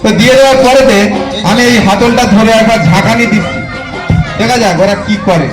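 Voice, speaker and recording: A man's voice: sits high, brisk, a crowd in the background. A man with a West Bengal accent doing live magic show patter, chatting to the audience like a kids party magician. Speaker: stage magician. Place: live club function stage. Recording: echoey live PA with music.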